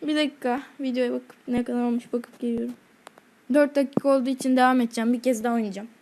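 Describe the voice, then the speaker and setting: A high-pitched woman talks over her own gameplay as a channel host. She comments loosely on the action and snaps curses at the enemies on screen. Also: steady tone, quick pace, darkish tone. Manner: heated, swears at enemies while playing.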